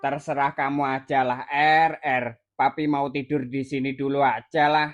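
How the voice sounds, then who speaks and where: A woman's voice: a bass voice, level tone, moderate pace, muffled recording. A woman voicing a weary, disappointed father from the village who scolds his lying son, over music. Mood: exasperated. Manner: scolding, exasperated. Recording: clear music bed behind voice.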